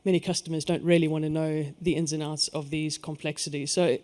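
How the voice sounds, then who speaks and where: On a conference panel, a South African-accented man from the energy industry talks briskly in a fairly high, darkish voice with little pitch movement. He stresses key points emphatically and then lets his voice fall away.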